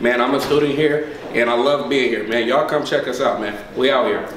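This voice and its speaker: Earnest barber student from across a room. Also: male voice, medium pitch, steady tone, fairly quick, a bit bright, a little hiss or hum. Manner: earnest, says "man" a lot. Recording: echoey room from a distance.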